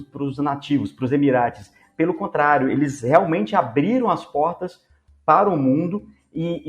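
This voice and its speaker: A Brazilian man with a fairly high voice gives measured interview answers about his startup. He speaks with a Brazilian Portuguese accent. He hesitates often, restarting and repeating words as he finds his phrasing. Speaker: startup co-founder, guest.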